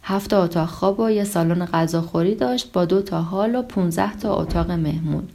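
Calm woman reading a story aloud. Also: medium pitch. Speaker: storyteller reading a translated novel. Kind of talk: scripted audiobook narration.

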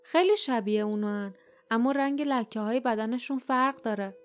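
Woman voicing a bold, quick young girl. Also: on the high side, clear, resonant tone, faint music behind, close to an everyday voice. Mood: urgent. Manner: urgent hushed speech.

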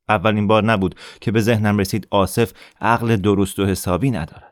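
A man with a fairly low voice reads a novel aloud in a measured, calm storytelling way. He sits close to the microphone, and the sound is dry with no room echo. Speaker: narrator, audiobook reader. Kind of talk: scripted narration.

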